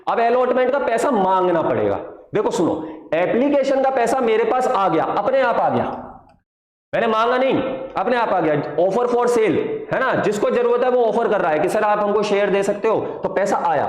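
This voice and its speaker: A high-pitched male teacher lectures patiently, posing questions and answering them himself. He drags out dictation word by word so students can copy. The room is echoey, with a long reverb tail. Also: lively intonation, normal speed. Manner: patient, calls students "my child". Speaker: accounts teacher. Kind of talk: classroom lecture.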